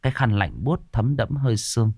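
A man's voice: medium pitch, fairly quick, darkish tone, dry recording. A man narrating a ghost story with dramatic, varied storytelling delivery.

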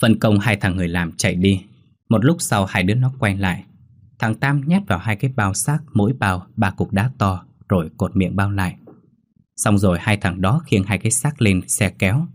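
A man narrating a ghost story in a steady, measured reading voice. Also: fairly low pitch, no echo, clean studio sound.

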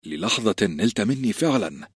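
A man voicing a serious young swordsman who speaks calmly. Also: fairly low pitch, normal speed, breathy edge, dry recording, studio quality. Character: serious young male swordsman, calm and steady.

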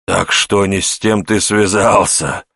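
Battered male prisoner, sly and mocking, low muttered audiobook lines, read by a man. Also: steady tone, unhurried, gravelly, fairly bright tone, no room sound, studio quality, exaggerated voice. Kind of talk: audiobook character voice.

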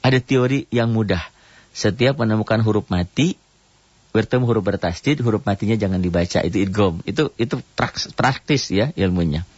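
A man teaching Quran recitation rules on a radio program, explaining each rule in short phrases and now and then chanting a verse slowly at a higher pitch. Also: darkish tone, husky, no room sound, dull audio. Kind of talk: radio tajwid lesson.

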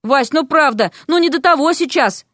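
A weary young prince pleads and rambles in a lively, raised voice, as a woman voices him in a storybook reading. The sound is close and dry. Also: high voice, moderate pace, dry recording, voice pushed up. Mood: pleading. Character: young man, a reluctant prince, weary and evasive.

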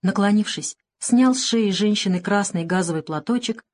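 A woman's voice: mid-range voice, normal speed, a little mellow. Woman narrating an audiobook.

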